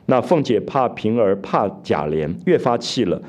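A man's voice: on the low side, big pitch swings, moderate pace, darkish tone, lo-fi sound. A man giving an explanatory lecture on a classic novel, retelling its scenes and asking his listeners rhetorical questions. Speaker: literature lecturer.

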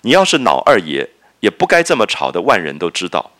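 A man's voice: deep voice, huge pitch swings, a little fast, a bit bright, exaggerated voice. A man reading as a stern, careful young maid. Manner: stern, admonishing.

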